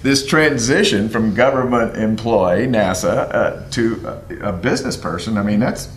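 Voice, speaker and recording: Upbeat low-voiced male interview host. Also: moderate pace, slight background noise. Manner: upbeat, short affirmations. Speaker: show host. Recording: roomy sound with faint music.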